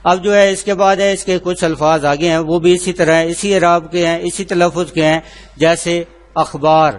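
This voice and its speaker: A man teaching an online lesson, spelling words out letter by letter in a slow, deliberate way and answering his own questions. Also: on the high side, flat delivery. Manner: repeats filler phrases, asks and answers himself.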